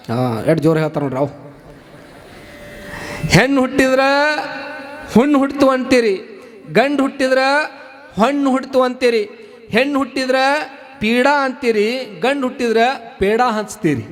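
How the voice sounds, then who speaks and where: A man's voice: extremely high pitch, expressive, moderate pace, long pauses. A man with a North Karnataka Kannada accent telling a story in a sermon. He repeats phrases for emphasis and addresses the audience directly. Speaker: preacher.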